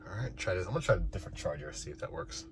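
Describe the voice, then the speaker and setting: A man with a very low voice talks casually through each step as he goes, relaxed and offhand. He is recording on a handheld phone outdoors at a car charging lot. Loud outdoor ambience and vehicle noise run constantly underneath his voice. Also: racing. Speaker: vlogger. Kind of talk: casual narrated vlog.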